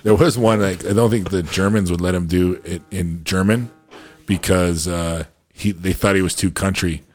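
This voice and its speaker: A man in his thirties co-hosting a podcast, cracking deadpan jokes in casual chat. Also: low voice, moderate pace, faint music behind. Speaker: podcast co-host.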